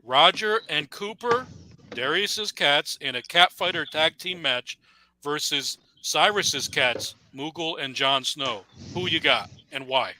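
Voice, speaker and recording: Man, very bright, crisp tone, politely formal. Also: fairly high pitch, animated, slow, poor audio. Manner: polite, overly formal questions. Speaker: stream participant. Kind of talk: casual chat.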